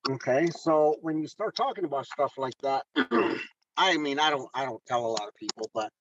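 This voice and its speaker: A retired first sergeant from Mexico, a man in his sixties, is a guest in a candid conversational interview heard over phone-call audio. He's earnest and heartfelt but halting, with many restarts and fillers. His medium-pitched voice is animated and a bit bright, and the sound is lo-fi with slight background noise.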